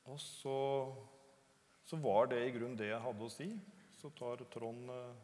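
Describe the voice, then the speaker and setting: A man's voice: mid-range voice, fairly even intonation, a little mellow. A man giving an informal, hesitant church talk, with many fillers and restarts. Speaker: lay preacher. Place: church hall. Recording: long hall reverb.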